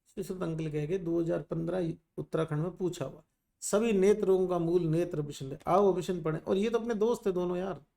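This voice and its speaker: Gravelly-voiced male ayurveda teacher lecturing. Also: high-pitched, darkish tone. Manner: scolding, teasing teacher talk mixed with English terms. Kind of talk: classroom lecture.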